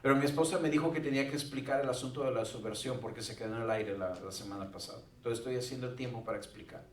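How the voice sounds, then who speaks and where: A man's voice: mid-range voice, racing, slight background noise. A male pastor preaching a sermon in a conversational way with joking asides. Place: church sanctuary. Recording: roomy church sound from a distant mic.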